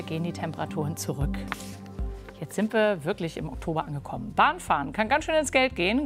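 Woman presenting regional news and weather. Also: medium pitch.

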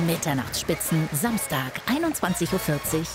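Low-voiced woman promo announcer. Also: sing-song, moderate pace, over loud music. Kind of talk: scripted promo voice-over.

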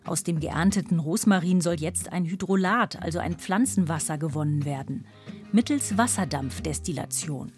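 A woman reading scripted narration for a TV report in an even, factual manner. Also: fairly low pitch, normal speed, soft background music.

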